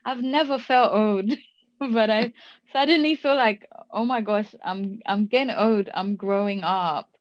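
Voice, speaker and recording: A woman's voice: mid-range voice, unhurried, dry recording, lo-fi sound. A woman in her twenties, a podcast host talking things through in casual chat and asking probing questions. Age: 20s. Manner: reflective, asks probing questions.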